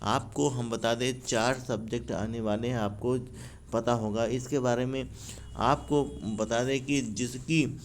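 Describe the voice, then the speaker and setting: A man's voice: mid-range voice, steady tone, a little slow, slight background noise. A man teaching grammar for an exam from handwritten notes, calling viewers friends and asking and answering his own questions. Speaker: exam-prep YouTube teacher.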